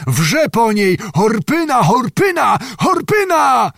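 A man's voice: very high-pitched, big pitch swings, takes it slowly, vocal fry, fairly bright tone, dry recording, studio quality, pitched above the performer's own voice, exaggerated voice. A man voicing an anguished young male Cossack chieftain, crying out in frantic, wailing calls.

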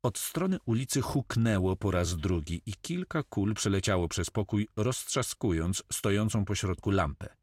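A man narrating an adventure audiobook in a measured, storytelling way. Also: on the low side, animated, darkish tone, husky, no room sound. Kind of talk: scripted narration.

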